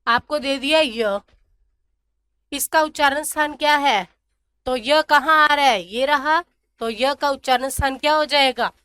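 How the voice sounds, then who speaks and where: A woman teaching a grammar lesson, slowly repeating syllables and asking questions that she answers herself. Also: high voice, pushed and bright, no echo. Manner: drills syllables slowly, asks and answers her own questions. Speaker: Sanskrit teacher.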